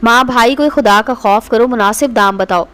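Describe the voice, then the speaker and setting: A poor, gentle mother from a storybook tale, read by a woman narrator. She talks softly and pleads, in a fairly high voice. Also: moderate pace, natural voice. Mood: pleading. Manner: soft, pleading.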